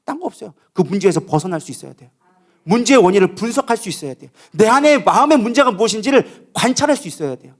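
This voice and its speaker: A man's voice: lively intonation, quick pace. A man, a pastor, preaching a sermon at a prayer meeting, emphatic and questioning the congregation, acting out inner voices as his voice climbs. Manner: emphatic, acts out inner voices with rising pitch. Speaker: co-lead pastor.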